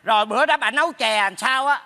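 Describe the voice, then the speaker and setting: A man's voice: very high-pitched, gravelly, pushed and bright, full character voice. A man playing a meddling neighbor in a stage comedy sketch, brash and teasing. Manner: brash, teasing, rapid scolding. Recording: stage hall with long reverb.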